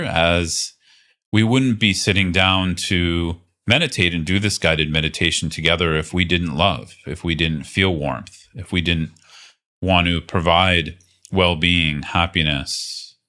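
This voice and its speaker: The speaker is a man with a low voice taking listeners through a guided meditation. As their teacher, he talks gently and slowly, pausing at length.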